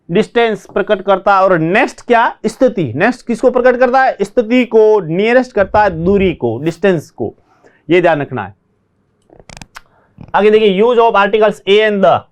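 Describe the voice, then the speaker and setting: A man's voice: sits high, clean tone. A man with an Indian accent teaching spoken English, repeating key words and asking and answering his own questions.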